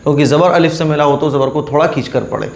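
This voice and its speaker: A man's voice: a little high, quick pace. A man teaching Quran reading step by step, patiently drilling each letter and repeating the rule. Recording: echoey room.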